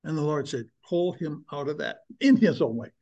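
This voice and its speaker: A man's voice: on the high side, lively intonation, moderate pace, mellow, lo-fi sound. An older man speaking earnestly and with emphasis, preaching and sharing a personal testimony with his listeners.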